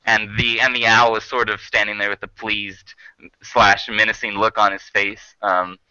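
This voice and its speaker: A man narrating a tabletop game as its game master, often restarting his sentences. His voice is very bright and forceful, close and dry. The recording sounds dull and lo-fi. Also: on the low side, flat delivery, normal speed, clean tone, dry recording. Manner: hesitant, many restarts.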